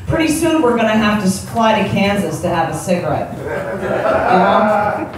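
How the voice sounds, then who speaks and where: A woman's voice: mid-range voice, a little slow, a crowd in the background. Brash American woman doing stand-up, very echoey. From upstate New York, United States. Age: 40s. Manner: brash, profane, conversational. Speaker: stand-up comedian. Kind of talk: live stand-up comedy. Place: indoor comedy show with live audience. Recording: echoey, noisy club recording from far off.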